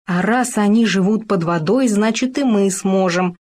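A woman voicing an excitable young male gopher who loves making discoveries, in a children's storybook reading. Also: mid-range voice, moderate pace, close to an everyday voice. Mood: eager. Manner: eager, insistent, breathless with enthusiasm.

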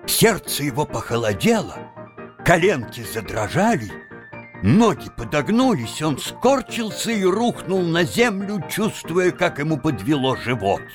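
A man narrating a children's book aloud in an expressive, storytelling manner. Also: on the high side, a little slow, music in the background. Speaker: audiobook narrator.

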